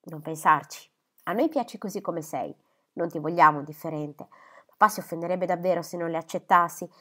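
A woman voicing a gentle, earnest young woman in a storybook reading, soft and coaxing. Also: lowish voice, fairly quick.

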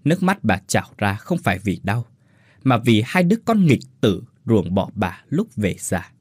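A man's voice: lowish voice, sing-song, moderate pace, a little mellow, breathy edge, no echo, clean studio sound. A man narrating a dramatic folk story in an emotive storytelling manner.

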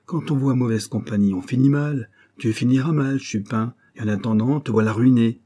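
A man's voice: mid-range voice, normal speed, warm tone, husky, close to an everyday voice. A man doing a grave old bailiff's clerk. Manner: grave, paternal.

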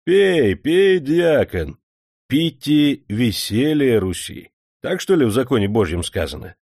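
A man voicing a bold, jovial young guardsman lieutenant, talking loudly and heartily. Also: mid-range voice, big pitch swings, takes it slowly, dry recording, studio quality, voice pushed up, full character voice. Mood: boisterous. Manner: loud, hearty, commanding.

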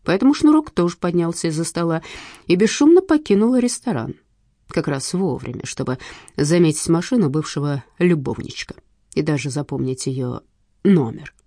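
Woman, audiobook narrator, lively pitch, wry, dry close sound. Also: normal speed, no echo.

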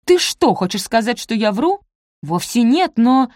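A woman doing an excitable, quarrelsome young sister. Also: a little high, normal speed, dry recording, studio quality, voice pushed up, natural voice. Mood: heated.

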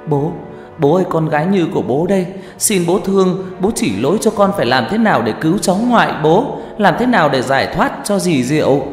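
A man voicing a middle-aged mother who begs a spirit for help in a high, tearful voice. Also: sing-song, a little fast. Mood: pleading. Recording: reverberant room with faint music.

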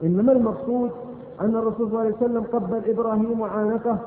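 High-pitched fast Saudi preacher, echoey hall. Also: male voice, steady tone, a little hiss or hum. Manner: fervent, storytelling preacher. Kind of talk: sermon. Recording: echoey hall, tinny phone-like sound.

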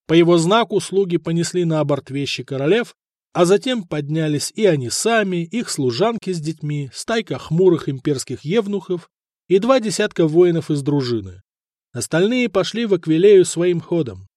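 A man reads an audiobook in a steady storytelling manner. His voice sits a little high, and the recording is close and dry. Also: moderate pace, no room sound. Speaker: audiobook narrator. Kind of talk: scripted narration.

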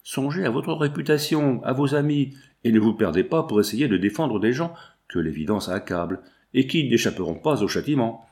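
A man's voice: mid-range voice, expressive, normal speed, a little mellow, close to an everyday voice. A man reading an audiobook, voicing a cold, accusing, vengeful middle-aged magistrate. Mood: stern.

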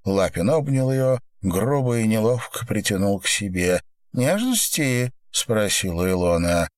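A man narrating an audiobook in a measured, expressive reading. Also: on the low side.

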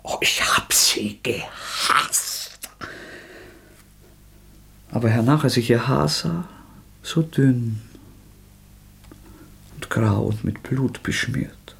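An actor playing a tormented young murderer in a radio drama, swinging between bitter mockery, feverish outbursts and hushed whispers, with a gravelly, husky voice. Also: male voice, mid-range voice, drawn-out words, long pauses, full character voice.

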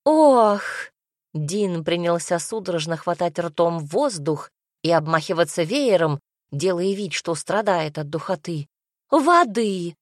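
Brief: female audiobook narrator, lowish voice, wry lively delivery, dry booth sound. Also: measured pace, no room sound. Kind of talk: first-person fantasy audiobook narration.

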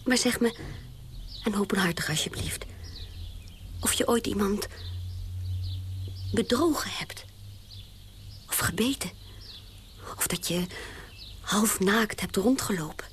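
A woman playing a restless young woman in a radio play, speaking haltingly and often in a breathy whisper. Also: a little high, background noise. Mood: hesitant.

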